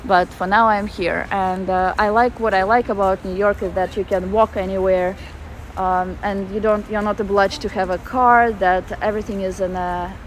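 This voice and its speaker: Her mid-range voice stays fairly even at a moderate pace as this Russian-accented livestreamer strolls a city park, reading out viewer comments in a loose, chatty way full of fillers. Faint traffic hums behind her on a low-quality recording.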